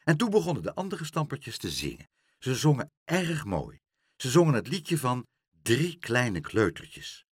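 A man reading a children's book aloud, animated, switching into character voices. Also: medium pitch, husky, no room sound, clean studio sound. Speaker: storyteller.

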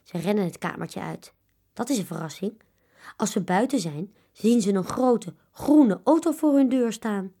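A woman reading a children's story aloud, expressive and animated. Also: mid-range voice, slightly rough.

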